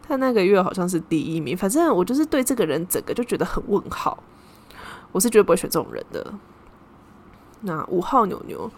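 A young woman hosting a podcast, telling a story in a chatty, casual way and dropping Japanese terms into her talk. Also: mid-range voice. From Taiwan. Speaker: podcast host.

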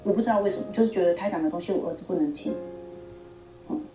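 A woman's voice: fairly low pitch, rapid-fire. A woman, a student and mother, chatting in a rambling way with lots of fillers. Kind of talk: casual chat. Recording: roomy echo, music under.

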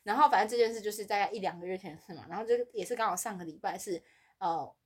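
A woman co-hosting a podcast, telling a workplace story in casual chat and acting out the other people's lines with big swings in her voice. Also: very fast. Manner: animated, acts out quoted voices with big pitch swings. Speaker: podcast co-host.

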